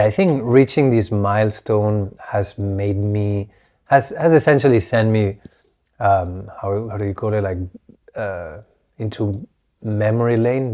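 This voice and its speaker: A man, hosting a solo podcast, talking reflectively with many restarts, his voice a little hoarse as it recovers. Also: lowish voice, darkish tone. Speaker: podcast host.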